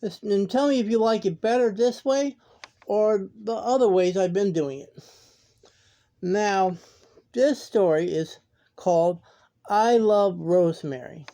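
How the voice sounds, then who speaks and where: A woman hosts a horror story channel in a casual, chatty way. Her tone is mellow and warm, and she keeps coming back to "now" as she talks. Her pitch sits in a middle range. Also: unhurried, long pauses. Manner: relaxed, chatty, repeats "now". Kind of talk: casual chat to viewers.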